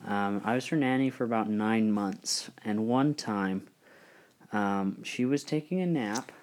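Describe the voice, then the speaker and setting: A man's voice: on the low side, a little slow, a little mellow. A young man hosting a casual chat, telling a story about himself with a laughing, self-deprecating manner. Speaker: podcast co-host.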